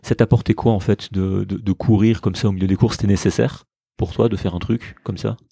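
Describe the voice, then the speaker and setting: A man hosts a podcast in a low, dark, slightly husky voice, asking loose, rambling questions. He keeps the talk going with quick "ouais" replies. The sound is close and dry, with no room echo. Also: steady tone. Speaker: podcast host. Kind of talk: casual podcast interview.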